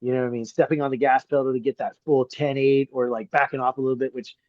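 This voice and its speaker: A middle-aged man, a grappling referee and coach, chatting as a podcast guest; he tells stories with lively energy, swears freely, and acts out the people he quotes. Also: medium pitch, fast talker, no echo. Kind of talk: casual chat. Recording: slightly muffled dry podcast audio.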